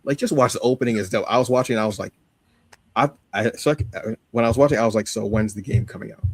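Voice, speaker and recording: A podcast co-host with a medium-pitched voice speaks quickly, chatting casually and enthusiastically while giving recommendations. He uses slangy emphasis, and the audio has no room sound.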